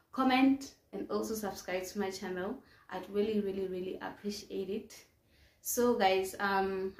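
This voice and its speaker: A woman's voice: medium pitch, reverberant. Chatty South African woman vlogger. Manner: chatty, upbeat, lots of ums and fillers. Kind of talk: casual vlog talk to camera. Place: indoors in front of a plain wall.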